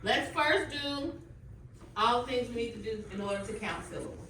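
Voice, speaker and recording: Calmly firm woman teacher, bright voice, echoey classroom. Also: a little high, moderate pace. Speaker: elementary school teacher. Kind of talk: classroom phonics lesson. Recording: distant mic, echoey room, faint noise.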